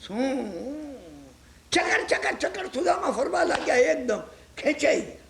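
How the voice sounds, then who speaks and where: Very high, gravelly-voiced man lecturing. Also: big pitch swings, measured pace, slight background noise. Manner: checks on listeners with constant rhetorical asides. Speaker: religious lecturer. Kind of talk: storytelling religious discourse. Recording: echoey lecture hall.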